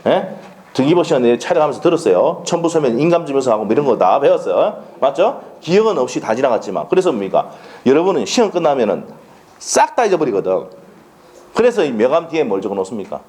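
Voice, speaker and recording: A man with a Gyeongsang accent lectures on law in a plain, chatty classroom manner. His pitch swings widely as he throws rhetorical questions at the class and checks that they follow. His delivery is blunt and colloquial. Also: very animated, fast, darkish tone. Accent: Gyeongsang Korean.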